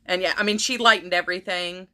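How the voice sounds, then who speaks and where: A fast-talking American woman with a low, steady, pushed and bright voice chats to camera about her crafts. Her talk rambles and restarts a lot, and her voice is starting to fail.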